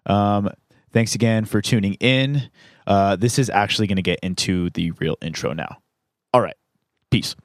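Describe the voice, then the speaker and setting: A man's voice: on the low side, normal speed, dry recording, clean studio sound. A man hosting a podcast in casual chat, loose and rambling with lots of fillers. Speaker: podcast host. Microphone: studio mic in a booth.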